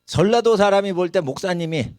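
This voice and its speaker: A man's voice: high-pitched, brisk, darkish tone, no echo, clean studio sound. A middle-aged male pastor preaching a sermon, acting out quoted voices and dialects.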